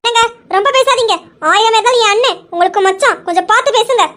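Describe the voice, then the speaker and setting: A woman's voice: very high-pitched, fast talker, fairly bright tone. A woman voicing a bossy, scheming young wife who scolds and argues sharply in a home-made audio drama. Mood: indignant.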